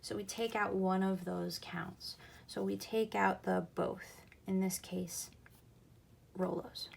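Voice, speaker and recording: A woman's voice: medium pitch, slow pace, vocal fry, slight background noise. Patient woman teaching a math lesson. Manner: patient, steady explaining, repeating key points. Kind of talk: recorded lesson explaining probability.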